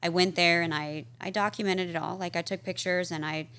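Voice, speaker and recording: Chatty woman with a bright, forceful voice. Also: fairly low pitch, a little fast, clear, resonant tone. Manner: chatty, peppered with "like" and "um"; animated, acts out quoted people. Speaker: podcast guest. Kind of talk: casual storytelling interview. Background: interviewer's short backchannels.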